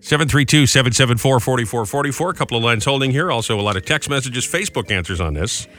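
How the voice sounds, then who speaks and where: A man co-hosting a radio show with smooth, upbeat, chatty radio host patter. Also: medium pitch, quick pace. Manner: animated, chatty. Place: radio studio.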